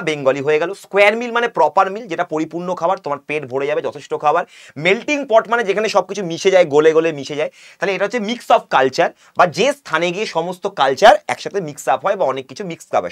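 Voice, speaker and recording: A young male teacher with a Bengali accent explains exam English, reading questions out slowly and then asking and answering his own questions. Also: sits high, a bit bright. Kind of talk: exam-prep video lesson.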